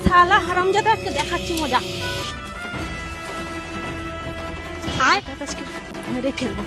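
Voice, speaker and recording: A woman playing a feisty, sharp-tongued working wife who scolds indignantly in a comedy skit. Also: very high-pitched, animated, brisk. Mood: threatening. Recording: loud music over dialogue.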